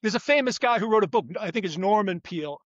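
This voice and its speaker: High-voiced older man, rambling guest. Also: lively intonation, fast, no room sound, dull audio. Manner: rambling, self-correcting, frequent restarts. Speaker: guest author, retired police detective. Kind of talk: conversational interview.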